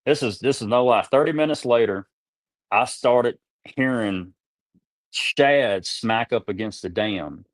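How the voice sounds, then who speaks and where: A man's voice: mid-range voice, measured pace, dry recording. A man telling rambling fishing stories in a folksy way, repeating words as he goes, in a casual interview. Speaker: guest, tournament kayak angler.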